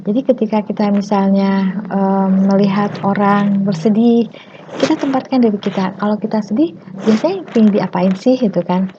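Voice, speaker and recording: A woman giving a casual spoken lesson on self-confidence, chatty and full of tag phrases, sometimes acting out overdone greetings in a high squeal. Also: moderate pace. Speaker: teacher giving self-development tips. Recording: muffled low-fidelity sound with faint hiss.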